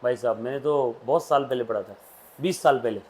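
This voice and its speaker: A man's voice: medium pitch, fairly quick, darkish tone. A man, teaching accountancy to a classroom and drilling students with questions. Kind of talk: classroom lecture.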